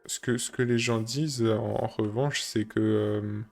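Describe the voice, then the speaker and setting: Hesitant French-speaking man with a gravelly voice. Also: fairly low pitch, fairly even intonation, measured pace, faint music behind. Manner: hesitant, thinks aloud with many fillers and restarts. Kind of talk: casual reflective monologue. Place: indoors, seated on a creaky chair.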